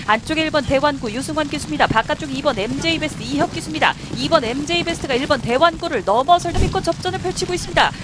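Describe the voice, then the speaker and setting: A woman calling a horse race, rattling off numbers and names in quick play-by-play. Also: high voice, background noise. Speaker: race caller.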